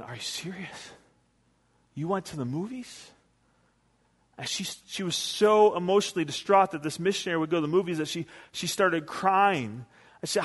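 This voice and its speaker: Casting: male pastor, slightly higher voice, conversational storytelling sermon, long church reverb. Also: a bit bright. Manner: conversational storytelling with quoted asides.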